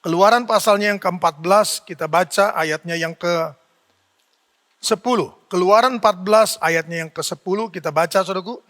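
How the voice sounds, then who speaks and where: A man's voice: sits high, normal speed, fairly bright tone. A man preaching a fervent sermon as pastor, calling out to the congregation over and over. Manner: fervent preaching, repeating the address to the listeners. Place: church hall. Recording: church sermon with long hall reverb.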